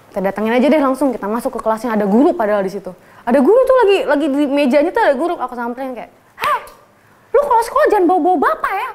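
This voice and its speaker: A young woman, telling a story casually and acting out quotes with lots of energy and laughter. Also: a little high. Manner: animated, acts out quotes loudly, laughs often.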